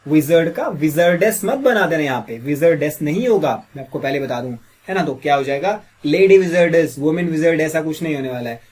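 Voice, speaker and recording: Guy teaching english grammar, husky slightly sore throat, keeps asking the class questions. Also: a little high, animated, a little fast, few pauses, darkish tone. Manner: quizzes listeners with repeated questions, clears throat often.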